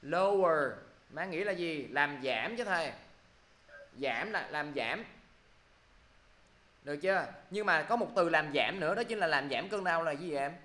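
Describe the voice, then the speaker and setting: Bright-voiced male teacher. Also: a little high, animated. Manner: brisk, scolding, quizzing students. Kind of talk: online English class.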